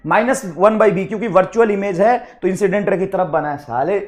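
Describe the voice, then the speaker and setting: A physics teacher scolding his class in an angry, sarcastic and blunt way, with sudden loud bursts. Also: high voice, fairly quick.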